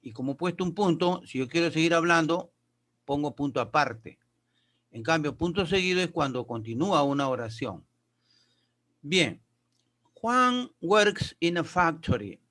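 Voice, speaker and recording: A male teacher with a slightly raised voice walks his pupils through grammar and pronunciation one step at a time. He reads English sentences aloud slowly and deliberately. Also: a little high, fairly bright tone. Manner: explains step by step, addresses pupils as kids. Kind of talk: classroom lesson.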